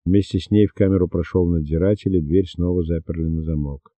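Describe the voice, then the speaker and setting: A man narrating an audiobook in a measured, steady reading. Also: low voice, dry recording. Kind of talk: scripted narration. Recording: dull dry lo-fi recording.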